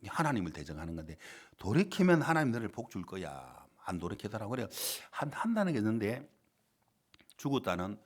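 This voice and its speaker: Animated man preaching a sermon. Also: a little fast, slightly rough. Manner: storytelling, dramatic swings in pitch and volume. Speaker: pastor. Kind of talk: sermon with acted-out quotes. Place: church sanctuary.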